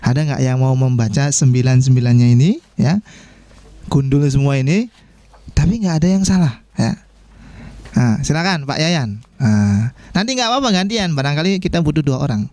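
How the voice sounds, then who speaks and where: A man teaches an online Arabic lesson for beginners, his voice moving up and down as he encourages the class. His tone is mellow and dark. The sound is dry and close. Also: medium pitch, expressive, moderate pace, no echo. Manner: encouraging, frequent "ya" tags.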